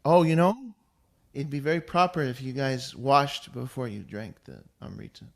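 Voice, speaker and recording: A man's voice: mid-range voice, expressive, drawn-out words, creaky, full character voice. A man voicing Garuda, a cunning male giant bird, in a hesitant, sly way.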